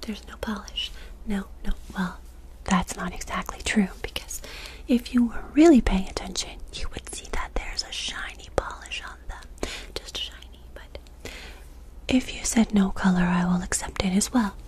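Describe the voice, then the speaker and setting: A young adult woman in a whispered role-play as a reiki healer, speaking breathily and close to the microphone in fast, insistent ASMR with commanding, rapidly repeated words. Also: medium pitch, a little mellow. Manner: commanding, directing the listener to focus. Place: small dark room indoors. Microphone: close desk microphone.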